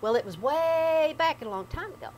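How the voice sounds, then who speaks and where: A woman's voice: high voice, expressive, moderate pace, a little mellow, slight background noise. A woman with an Appalachian accent telling folk tales in dialect, in a folksy, dramatic way. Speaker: storyteller. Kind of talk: oral folk storytelling in dialect.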